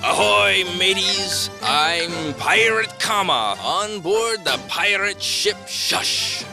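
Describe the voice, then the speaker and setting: A performer playing a boisterous pirate host in a children's TV comedy, with a lively delivery. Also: mid-range voice, slow, gravelly, music in the background. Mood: jolly.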